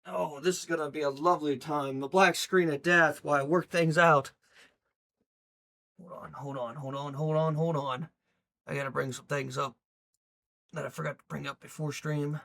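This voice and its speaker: Guy live streaming, chatty and rambly, kinda high voice, swears a lot. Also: steady tone, moderate pace, gravelly, a bit bright. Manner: loose, rambling, swears and talks to chat. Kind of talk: casual reaction stream chat.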